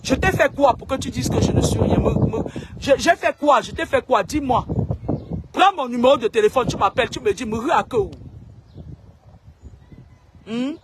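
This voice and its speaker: A woman's voice: high voice, lively intonation, normal speed, pauses often, slight background noise. A woman speaking straight to camera in a long, scolding monologue. She repeats herself and stammers on words as she goes. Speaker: self-styled seer.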